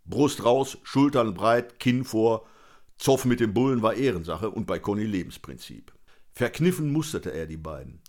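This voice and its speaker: A man reading a crime novel aloud in a dry, wry storytelling manner. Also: mid-range voice. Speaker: audiobook reader. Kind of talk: scripted narration of a crime novel.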